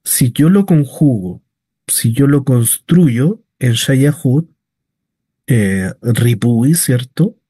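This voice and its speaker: A man teaching Hebrew grammar, slowly repeating each word form several times. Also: medium pitch, expressive, dark tone, husky, no room sound. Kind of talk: grammar lesson.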